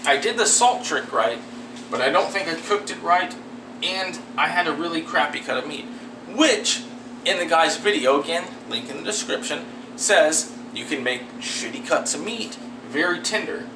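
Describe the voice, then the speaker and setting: A laid-back American man talks candidly through his home cooking. His voice sits a little high and comes from a distance in a roomy, echoing kitchen, with clear background noise. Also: lively intonation, moderate pace. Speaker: amateur cooking vlogger. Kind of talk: casual chat, talking through cooking to camera. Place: small home kitchen, indoors. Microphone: camera a step or two away. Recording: roomy, distant camera mic, noisy hum.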